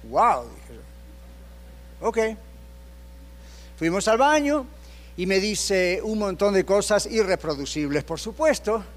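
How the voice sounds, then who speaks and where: An older male pastor preaches with a high-pitched voice. He tells a personal story with animated delivery, shifting into the voices of the people he quotes and putting questions to his listeners. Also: takes it slowly, pauses often, in a large hall. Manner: asks the congregation questions.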